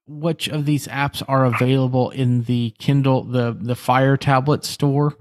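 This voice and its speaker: A man with an average-pitched voice gives conversational tech help. As a panelist he answers in a measured, instructive manner. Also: steady tone, a little hiss or hum.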